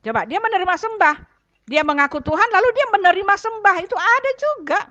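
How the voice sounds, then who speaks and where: High bright-voiced woman explaining scripture. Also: expressive, fast talker, lo-fi sound. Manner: chatty, thinks aloud while hunting for Bible verses. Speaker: church elder giving testimony.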